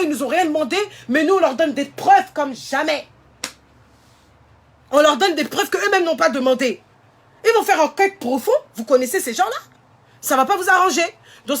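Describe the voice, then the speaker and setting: A woman speaks straight to her online audience in a high, bright-pitched voice. She rants with indignant force, stressing and repeating each demand. It is a heated vlog commentary. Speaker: social media commentator. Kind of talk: impassioned vlog rant to viewers.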